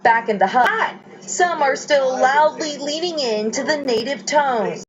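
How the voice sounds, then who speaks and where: A woman TV reporter narrating a news segment in a smooth, measured voice. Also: high voice. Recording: muffled broadcast with crowd behind.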